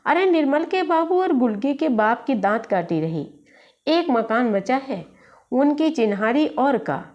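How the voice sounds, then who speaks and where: A motherly older neighbour woman coaxes in a practical, homely way, as a woman reader voices her. Her voice sits fairly high in a dull, lo-fi recording. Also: very animated, unhurried, darkish tone. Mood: coaxing.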